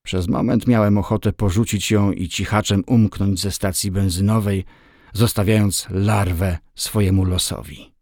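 Low-voiced male audiobook narrator. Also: steady tone, moderate pace, a little mellow, dry recording, studio quality. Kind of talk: scripted narration.

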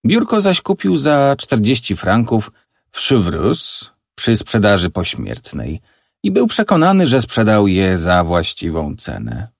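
A man narrating an audiobook in a measured, expressive reading. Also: fairly low pitch, creaky, no echo, clean studio sound. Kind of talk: scripted narration.

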